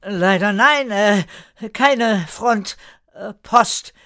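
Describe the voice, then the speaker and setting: A man's voice: sits high, fairly even intonation, unhurried, no echo, studio quality, voice pushed up. A man voicing a clumsy, overwhelmed young postman who hesitates and stammers in an audiobook. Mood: flustered.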